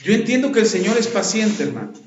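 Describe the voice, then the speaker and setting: A pastor preaches to his congregation, his fairly high voice rising and falling as he acts out the scenes he describes. The sound carries the echo of a church hall around him. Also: quick pace, highs cut off, slight background noise. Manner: animated preaching, acting out voices. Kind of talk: sermon.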